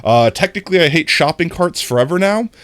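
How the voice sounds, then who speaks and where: A man's voice: a little high, expressive, fairly quick, a bit bright, no echo. A man streaming live and chatting casually with his viewers, rambling earnestly with lots of restarts and frequent laughter. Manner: laughs often between sentences.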